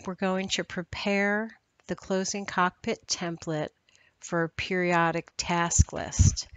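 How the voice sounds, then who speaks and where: A woman trainer walking through a screen-recorded software tutorial in a steady, instructional way. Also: lowish voice, no room sound.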